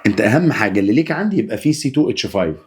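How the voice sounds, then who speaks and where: The voice is on the low side, sing-song and darkish, delivered rapid-fire over a little hiss or hum. A young Egyptian-accented man gives an energetic chemistry exam review, coaxing chattily and playing the student to answer his own questions.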